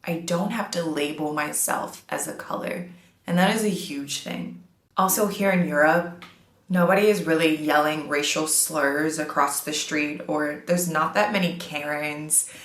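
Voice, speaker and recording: Low-voiced woman, earnest and roomy. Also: fairly even intonation, measured pace, fairly bright tone. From United States. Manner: earnest, encouraging, emphatic. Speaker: vlogger. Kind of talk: casual talk to camera.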